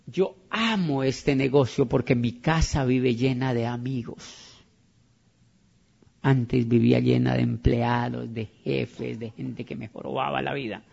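A man's voice: mid-range voice, steady tone, unhurried, gravelly, darkish tone, slightly rough. A man giving a motivational conference talk, telling stories and hammering points home with emphatic repetition. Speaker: motivational speaker. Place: conference hall. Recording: dull lo-fi conference recording.

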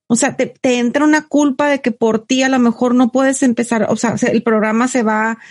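A woman's voice: on the high side, steady tone, normal speed, a little mellow. A woman with a Mexican accent co-hosting a casual online talk, speaking in a reflective way. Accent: Mexican Spanish. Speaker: co-host. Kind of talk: casual chat. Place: remote call from home.

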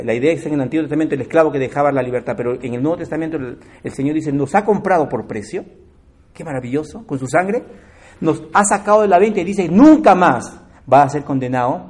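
A man preaching a sermon, shifting between loud emphatic lines and quiet asides and often asking his listeners direct questions. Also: mid-range voice.

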